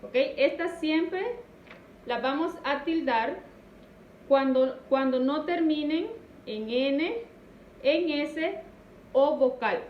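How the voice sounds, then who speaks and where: A woman teaching a grammar lesson, pronouncing words slowly and stressing each syllable. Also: sits high, dull audio. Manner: slow, deliberate, stresses syllables. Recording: echoey room, distant mic, faint noise.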